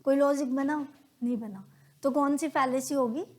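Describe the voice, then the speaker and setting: A woman's voice: high voice, normal speed. A woman with an Indian accent teaching a classroom lesson on logical reasoning, patiently asking questions and then answering them herself. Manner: acts out everyday examples in quoted dialogue.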